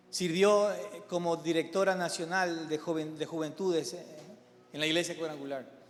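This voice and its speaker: High-voiced preacher in a reverberant church. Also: male voice. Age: middle-aged. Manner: preaching emphatically, then softly storytelling. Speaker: pastor. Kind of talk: sermon. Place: large church hall. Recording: live church hall with long reverb.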